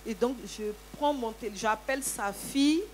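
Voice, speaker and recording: A woman giving a lively church testimony, telling her story with many hallelujahs. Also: fairly high pitch, normal speed, a little hiss or hum.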